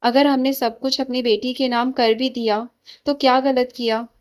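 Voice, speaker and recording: A woman's voice: high-pitched, flat delivery, moderate pace, close to an everyday voice. A woman reading the lines of a proud, defiant young woman in a storybook tale, firm and taunting.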